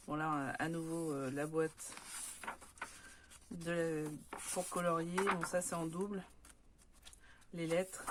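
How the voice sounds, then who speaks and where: A woman's voice: lowish voice, background noise. A woman from France chatting casually as she shows off craft papers, with many hesitant fillers. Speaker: scrapbooking vlogger.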